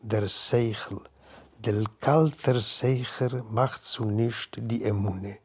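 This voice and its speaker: Male story reader, mid-pitched, husky, unhurried, measured. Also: steady tone, darkish tone. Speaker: narrator. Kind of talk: literary story reading.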